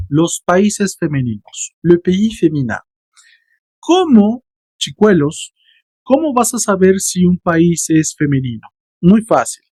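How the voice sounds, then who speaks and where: A man's voice: on the high side, a little mellow, no room sound. A man teaching a French lesson online, addressing his students playfully.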